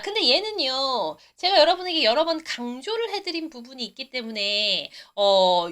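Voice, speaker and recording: Lively high-voiced Korean woman teaching English. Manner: lively, coaxing, repeats English phrases slowly for drills. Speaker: TOEIC English instructor. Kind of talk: live online lesson.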